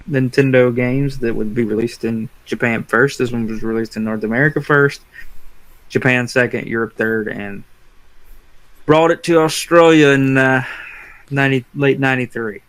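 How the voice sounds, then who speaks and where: A man co-hosting a casual podcast, reading out trivia questions and answer options slowly and deliberately. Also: mid-range voice, fairly even intonation, a bit bright, no echo, rough recording. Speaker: podcast co-host running a trivia quiz.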